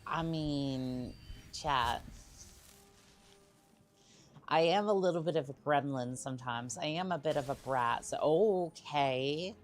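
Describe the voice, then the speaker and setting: A woman's voice: low-pitched, takes it slowly, long pauses, faint music behind. A woman livestreaming a video game, chatting casually with playful teasing and hesitant musing aloud. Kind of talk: casual chat over gameplay with in-character asides.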